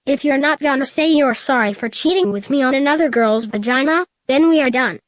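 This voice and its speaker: A woman voicing a hurt, angry teenage male hedgehog who shouts bitterly. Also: high-pitched, a little fast, dry recording, close to an everyday voice.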